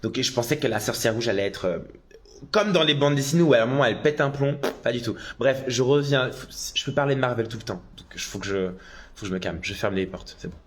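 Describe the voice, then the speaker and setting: A man doing a drag live stream on his phone, reading out viewer comments and answering them in a chatty, excitable way, with sudden loud outbursts. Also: medium pitch, fast talker.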